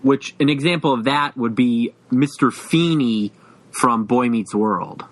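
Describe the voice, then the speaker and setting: A man's voice: mid-range voice, rough recording. A man co-hosting a podcast, chatting casually with lots of fillers and restarts. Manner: halting, many fillers and restarts, laughs often. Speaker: podcast co-host. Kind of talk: casual chat.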